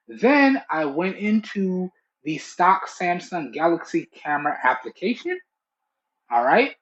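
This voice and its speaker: Reviewing a product on his channel, a young man speaks to camera in a chatty, emphatic way, regularly dropping "okay" and "all right" to check in. His fairly bright voice sits on the high side. He records in a small indoor room with a Bluetooth earbud, so the sound is muffled and lo-fi.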